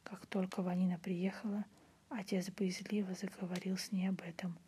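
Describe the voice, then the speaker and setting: A woman reads a literary story in a breathy, unvoiced ASMR whisper, softly and in a measured way. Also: fairly low pitch, little pitch movement. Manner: soft, measured literary reading. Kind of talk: whispered ASMR audiobook narration. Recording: faint background noise.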